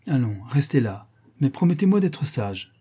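A man's voice: mid-range voice, very animated, moderate pace, mellow, breathy edge, pitched above the performer's own voice. A man voicing a teasing, flustered noble lady in a storybook reading, coaxing and scolding by turns.

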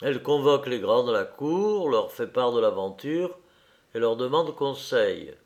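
A man narrating a storybook tale in a measured, deliberate reading. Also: medium pitch, sing-song.

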